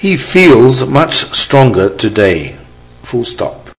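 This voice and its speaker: A man reading a dictation exercise, saying each phrase three times in a measured, deliberate way and speaking the punctuation aloud. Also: medium pitch, sing-song. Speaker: dictation reader. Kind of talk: slow repeated dictation with spoken punctuation.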